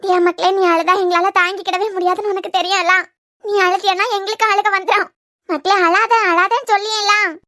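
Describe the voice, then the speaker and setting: A woman voicing a loving, worried old grandmother in a cartoon serial, speaking softly in a Kanyakumari Tamil accent. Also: very high voice, fairly even intonation, brisk. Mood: soothing. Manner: soft, coaxing, affectionate.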